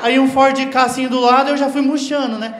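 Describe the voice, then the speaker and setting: A man with a high, quick voice performing stand-up comedy. He acts out the dialogue in his story and swears freely. His voice rings through a roomy live venue, with faint noise behind it. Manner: animated storytelling, acts out dialogue, crude slang. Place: comedy stage with live audience.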